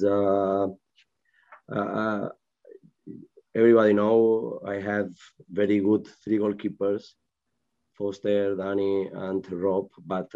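Man in halting English, low flat voice. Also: dull audio. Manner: halting, searching non-native English. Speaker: football manager. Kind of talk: post-match press conference. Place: press room with sponsor board. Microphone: video call.

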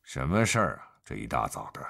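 A lordly, corrupt magistrate in a historical TV drama, speaking with haughty ease. His voice sits very deep and gravelly, and it swings noticeably in pitch. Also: very animated, brisk, bright, forceful tone, slight background noise, exaggerated voice. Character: corrupt magistrate, lazy, arrogant, older man. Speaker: official.

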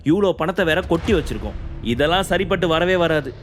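A man voicing an arrogant rich young man who talks down to others and blusters loudly. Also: a little high, animated, moderate pace, soft background music, pitched above the performer's own voice, close to an everyday voice. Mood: blustering. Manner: blustering, shouting, condescending.

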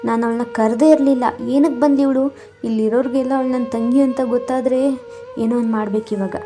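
A woman's voice: a little high, fairly even intonation, a little fast, warm tone, faint music behind, lightly acted. A woman voicing a rich, haughty older sister in a cartoon, scolding and contemptuous. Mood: scornful.

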